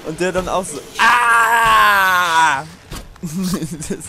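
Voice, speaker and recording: A man's voice: a little high, expressive, moderate pace, a little hiss or hum. A man hosting a let's play, giving casual gaming commentary in a chatty, digressive way with frequent swearing and laughter.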